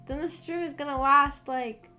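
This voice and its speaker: A woman livestream host chats casually with viewers from her room at home, rambling in a giggly, self-conscious way. Her voice is high-pitched and sharp, with fairly even intonation and a moderate pace, while background music plays behind her.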